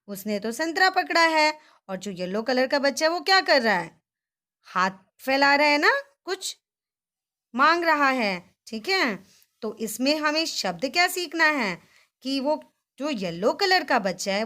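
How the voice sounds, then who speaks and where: Lively high-voiced woman teaching children. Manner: animated, sing-song teacherly prompting and praise; spells words syllable by syllable slowly. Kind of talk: children's Hindi vocabulary lesson.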